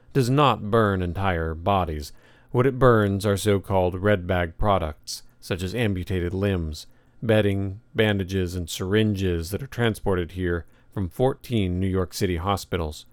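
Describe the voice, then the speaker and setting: Deep-voiced man narrating an audiobook. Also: dry recording.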